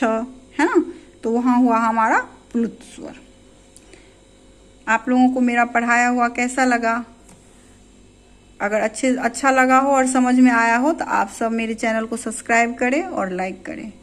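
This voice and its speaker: A woman's voice: a little high, steady tone, a little slow. A woman teaching a grammar lesson, dictating definitions word by word and asking and answering her own questions.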